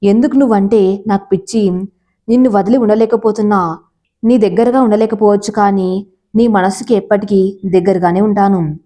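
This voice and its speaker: A woman's voice: mid-range voice, fairly even intonation, moderate pace, mellow, close to an everyday voice. A woman voicing a young man who tenderly pleads his love, read in a storybook style. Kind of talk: storybook character reading.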